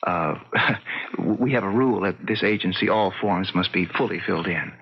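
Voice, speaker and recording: Hesitant, husky agency manager, old radio drama. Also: male voice, sits low, normal speed, highs cut off. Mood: awkward, insistent. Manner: hesitant, stammering. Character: flustered, earnest male employment agency manager.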